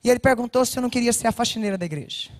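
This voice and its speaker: A woman pastor with a Brazilian Portuguese accent giving an animated personal testimony, speaking straight to her listeners. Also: fairly high pitch, racing, no room sound, studio quality. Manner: animated storytelling, addresses listeners directly. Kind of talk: personal testimony told to a congregation.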